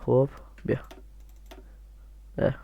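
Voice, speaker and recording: A man's voice: no echo, lo-fi sound. A young man walking viewers through a strategy game step by step, asking himself questions and then answering them. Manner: explains step by step, asks and answers his own questions. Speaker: game tutorial host. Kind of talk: screen-recorded game tutorial.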